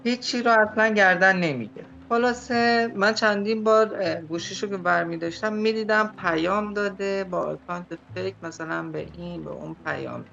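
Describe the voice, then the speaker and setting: Woman guest, gravelly voice, chatty storytelling, dull lo-fi sound. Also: medium pitch, few pauses. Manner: chatty, animated storyteller acting out quoted lines. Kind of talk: casual storytelling.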